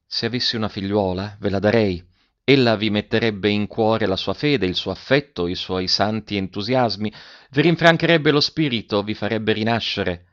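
An earnest, pale woman who speaks softly and pleads, as a male reader puts her on. The audiobook recording is dull and lo-fi, with a low-pitched voice lifted only a little for her. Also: moderate pace, close to an everyday voice. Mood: tender. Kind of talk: audiobook reading.

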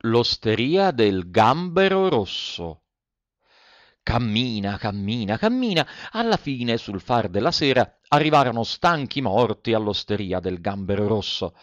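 A man reading a storybook aloud with expressive, theatrical narration. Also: fairly low pitch, measured pace, dry recording, muffled recording. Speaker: audiobook narrator.

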